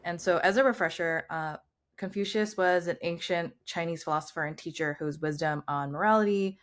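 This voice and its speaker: A podcast host from Southern California reads a short intro to an interview, then chats in a friendly way, full of "um"s and "like"s. Her voice is on the low side and a bit bright, and she talks briskly.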